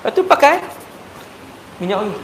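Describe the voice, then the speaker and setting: A man with a Malaysian Malay accent preaching a sermon, telling stories animatedly and swinging between loud emphasis and hushed tones. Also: high-pitched, very animated, fairly quick. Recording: echoey hall with faint noise.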